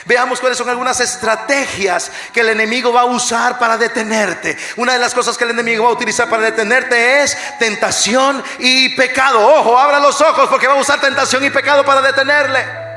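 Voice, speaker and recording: A man preaching an energetic sermon as a pastor, swinging from shouted war cries to hushed near-whispers, joking with the congregation and leading call-and-response. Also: extremely high pitch, fairly quick. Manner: jokes with the congregation. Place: large church hall. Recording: echoey church hall, live recording.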